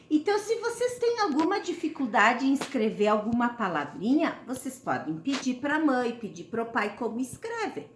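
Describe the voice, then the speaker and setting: A woman teacher, giving a recorded lesson to young children and explaining each step slowly and patiently. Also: high voice. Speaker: primary school teacher. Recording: echoey room, faint ambient noise.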